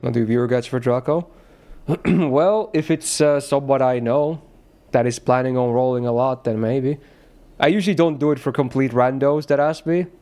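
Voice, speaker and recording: A man's voice: mid-range voice, normal speed, warm tone. A male streamer chatting casually with his viewers, loose and rambling, often laughing and swearing.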